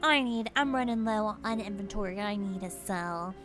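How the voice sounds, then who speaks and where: A woman's voice: medium pitch, normal speed, music in the background, lightly acted. Woman doing a blunt woodseller dad. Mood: bossy. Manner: blunt commands. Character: gruff working father who sells wood.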